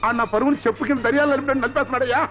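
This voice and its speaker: A loud outraged village dad, ranting fast and sharp, dull old film audio. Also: male voice, very high-pitched, fairly even intonation. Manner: shouting, ranting. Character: loud indignant middle-aged village father, comic. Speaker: angry village father.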